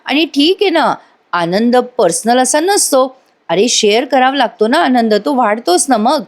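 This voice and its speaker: A woman's voice: sits high, expressive, unhurried. A woman voicing a young female coworker from a TV serial, who defends herself and pleads to be heard. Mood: pleading.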